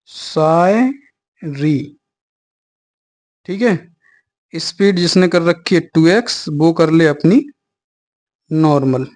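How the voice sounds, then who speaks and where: High-pitched male teacher explaining patiently. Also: a little slow. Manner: explains patiently with many "ठीक है" and "अ" fillers; relaxed, chatty teaching with asides to students. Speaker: exam coaching teacher. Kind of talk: online class lecture.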